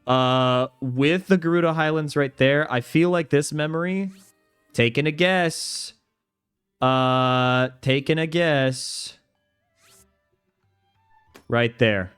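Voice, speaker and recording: A young man streams a video game and chats casually with viewers, reading their messages aloud and laughing easily. His voice is a little high, fairly bright and smooth, slow with frequent pauses, over soft background music.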